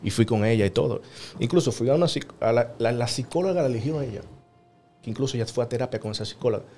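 A man's voice: medium pitch, warm tone, soft background music. A man, a podcast guest earnestly telling a personal story and acting out the voices of the people in it. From New York-based. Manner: earnest, fast, acts out other people's words while telling the story. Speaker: podcast guest, single father. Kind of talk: casual interview storytelling.

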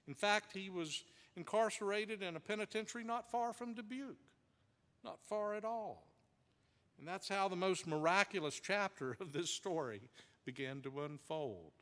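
A male pastor telling a story in a sermon, dramatic, with hushed drops and shifting pace. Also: high-pitched, animated, normal speed, long reverb tail. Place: church sanctuary.

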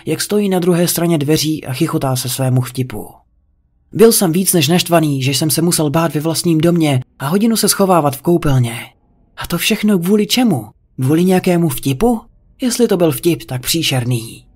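Male narrator, higher register, reading horror fiction aloud. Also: a little mellow. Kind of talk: creepypasta narration.

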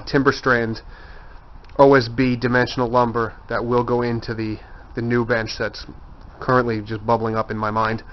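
Walking through his messy indoor home workshop, a thirtysomething woodworking vlogger chats casually and points out things along the way. His voice is mid-range, and the on-camera mic gives dull, lo-fi sound with a little hiss or hum.

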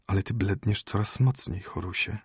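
A grave old court physician, sorrowful and quiet, his words soft and close to a whisper, as a male narrator puts him on. The voice is low and husky, with a dry, intimate sound. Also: normal speed, no room sound.

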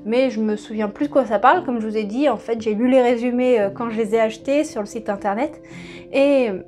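A woman in her thirties with a high voice chats about her new books in a home vlog, pausing often and hesitating mid-sentence. Soft music plays quietly behind her voice, recorded at home by a camera in front of her. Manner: chatty, with frequent hesitations. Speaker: book vlogger. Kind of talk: casual manga haul vlog. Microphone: camera in front at mid-shot.

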